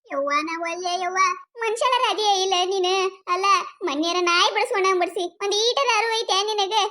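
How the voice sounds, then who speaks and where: Nervous cartoon village woman, woman voicing, very high squeaky voice, North Karnataka accent, fretful. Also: fairly quick, bright, forceful tone. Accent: North Karnataka Kannada. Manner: fretful, repeats worried phrases. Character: timid gossipy village woman, always fearful.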